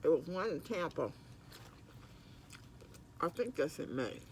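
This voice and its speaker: Guy rambling to viewers w his mouth full, voice goes up and down, bit creaky, some noise behind. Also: a little high, sing-song, measured pace. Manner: chatting while eating, sometimes with mouth full; rambling, conversational. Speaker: mukbang vlogger. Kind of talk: casual eating chat to viewers. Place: at work on lunch break.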